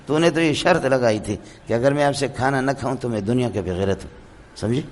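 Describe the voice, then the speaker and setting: A hoarse man giving a Quran commentary lecture in a madrasa, telling stories and often checking that his listeners understand. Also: mid-range voice, a little hiss or hum. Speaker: Quran teacher.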